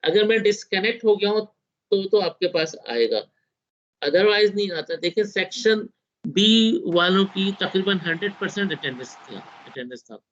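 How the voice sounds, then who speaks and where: Heard through dull video call audio from a laptop, a male university lecturer walks his online class through material step by step, slipping in English technical terms. He speaks rapid-fire in a high-pitched, expressive, slightly bright voice.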